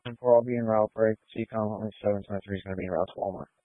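A male police officer makes clipped, businesslike radio calls. He talks fast with little pitch movement. The signal is narrow and muffled, like a handheld radio. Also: steady tone, no room sound. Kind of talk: police radio call-ins. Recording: muffled, band-limited radio transmission.

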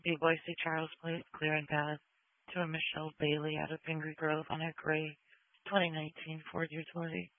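A man's voice: a little high, completely flat delivery, brisk, dry recording. A man working as a police dispatcher, speaking in clipped procedural radio calls with repeated numbers and locations over a two-way radio. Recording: dull, band-limited police radio audio.

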